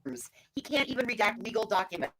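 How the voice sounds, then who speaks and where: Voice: medium pitch, quick pace, creaky, pushed and bright. Panelist on a glitchy robotic call line. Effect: robotic glitchy connection, cutting out. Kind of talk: casual online panel chat. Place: outdoors. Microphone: remote call audio.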